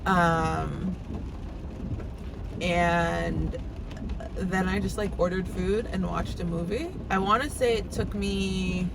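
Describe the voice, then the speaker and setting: A woman's voice: on the low side, steady tone, slow pace, gravelly, pauses often. A woman in her twenties chatting casually and in a rambling way, as if to a vlog audience, while driving. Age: 20s. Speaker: vlogger, PhD student. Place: inside a car while driving in rain. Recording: loud rain and car noise. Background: rain on car roof, engine and road noise.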